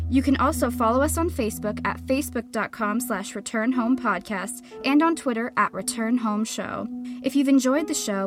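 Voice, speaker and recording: Woman reading credits over music. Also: fairly high pitch. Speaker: credits announcer. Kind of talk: scripted podcast outro.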